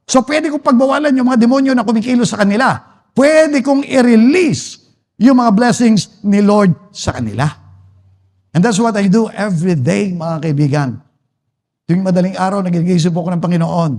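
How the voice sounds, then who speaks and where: High-voiced Filipino pastor preaching. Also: male voice, moderate pace. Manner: preaching with emphatic shifts from soft to forceful. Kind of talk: Taglish sermon. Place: church sanctuary. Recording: long church-hall reverb.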